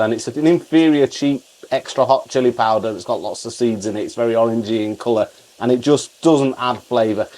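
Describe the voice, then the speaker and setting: A man's voice: mid-range voice, a little mellow, rough recording. A middle-aged man hosting a casual step-by-step cooking tutorial, repeating phrases for emphasis. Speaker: cooking channel host.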